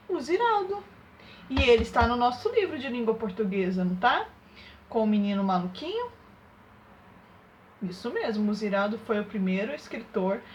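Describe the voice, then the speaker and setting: A woman's voice: on the high side, a little hiss or hum. A woman teaching young children a remote lesson, sing-song and coaxing, with many check-in questions to her pupils. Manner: sing-song, coaxing questions, exaggerated loud demonstration of sounds. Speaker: primary school teacher.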